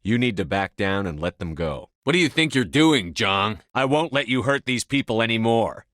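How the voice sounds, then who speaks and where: A man's voice: fairly low pitch, expressive, moderate pace, a bit bright, no room sound, clean studio sound. A man voicing a resolute military space commander in a video game, speaking in a terse, controlled, authoritative manner. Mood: stern, forceful. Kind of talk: video game dialogue acting.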